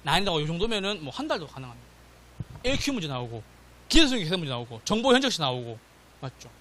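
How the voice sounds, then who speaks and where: A middle-aged man teaching an exam-prep class, lively and constantly checking that students follow. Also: on the high side, fast talker, a little hiss or hum. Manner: animated, checks in with "맞죠?" and "됐죠?", acts out quotes. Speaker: real estate exam lecturer. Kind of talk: classroom lecture.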